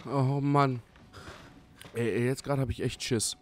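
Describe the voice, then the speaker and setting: A man's voice: mid-range voice, steady tone, unhurried, darkish tone. Young male let's-player, nervous and swearing through horror gameplay, light hiss in the background. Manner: jumpy, scared, swearing, talks to the game. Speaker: let's play gamer. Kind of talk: horror game commentary.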